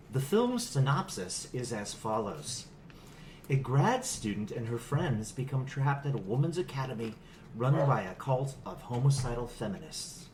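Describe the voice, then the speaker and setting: A man's voice: medium pitch, darkish tone, slight background noise. A man hosting a comedy movie-review podcast, talking in a mock-earnest, joking way and often laughing. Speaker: podcast host.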